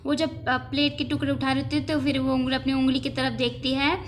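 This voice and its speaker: A woman's voice: high voice, little pitch movement, fairly quick. A woman teacher explaining an English lesson to students, translating line by line and asking and answering her own questions.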